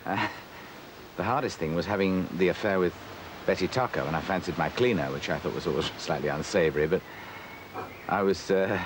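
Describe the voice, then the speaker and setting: A man, an actor, telling self-mocking anecdotes about his radio role in a casual, animated way. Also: low voice, brisk, background noise. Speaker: actor interviewee.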